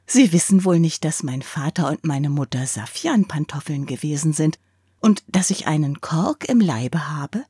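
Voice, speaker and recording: A prim, vain old toy ball from a storybook chatters away in a high, fussy voice, put on by a woman reading aloud. The delivery is slow and singsong, with a breathy edge, recorded close and dry. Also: animated, warm tone, no room sound, full character voice. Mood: doubtful.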